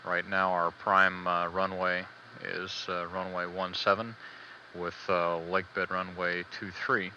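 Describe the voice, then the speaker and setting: This is old band-limited broadcast audio of a mission control announcer calling live spaceflight status, measured, hesitant and plainly matter-of-fact. The man's low voice is flat in delivery with a sharp tone. The sound is lo-fi, with a faint hiss or hum.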